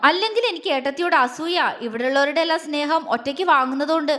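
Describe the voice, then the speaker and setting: A woman's voice: high voice, fast talker, a bit bright, big-room sound. A woman voicing a playful, pouty young woman who teases and insists, in a story reading. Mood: teasing. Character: teasing, pouting young woman, playful sister-in-law.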